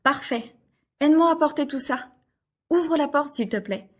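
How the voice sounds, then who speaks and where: Female dialogue voice, high pitch, brisk scolding delivery in scripted skits. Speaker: voice actor in learner dialogues.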